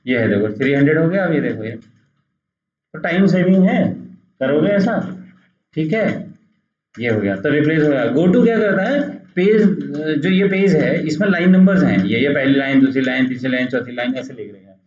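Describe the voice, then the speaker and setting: A man's voice: on the high side, expressive, moderate pace, a little mellow. Man teaching a computer lesson, echoey room. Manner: patient, repeats "dekho" while pointing things out. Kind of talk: screen-recorded software tutorial. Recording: roomy, dull lo-fi sound.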